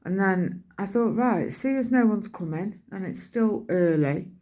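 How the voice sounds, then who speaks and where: Speaking at a measured pace with an expressive, mid-range, mellow voice, this middle-aged British vlogger tells everyday stories chattily and colloquially. She acts out the things people said as she rambles.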